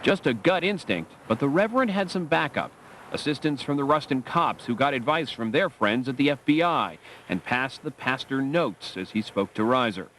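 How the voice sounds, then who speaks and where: A man's voice: mid-range voice, animated, normal speed, fairly bright tone, slight background noise, low-quality recording. A man narrating a documentary from a dramatic script.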